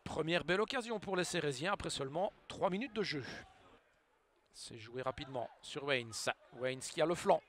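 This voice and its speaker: A man giving excited sports commentary on a football match, swinging between hushed build-up and loud exclamations. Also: on the high side, moderate pace, slight background noise.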